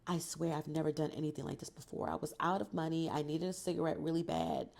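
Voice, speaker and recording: A woman reading the lines of a broke, flustered young woman in a novel, pleading and apologetic, in her own low, gravelly voice. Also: lively intonation, fast, a little mellow, heavily acted.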